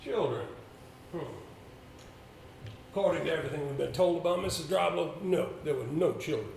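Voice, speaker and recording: A man's fairly high, darkish voice at normal speed brings to life an avuncular older male solicitor, a brisk, rambling senior boss, in an amateur stage play. The character hesitates, muses, and clears his throat, recorded indoors with roomy, slightly noisy sound.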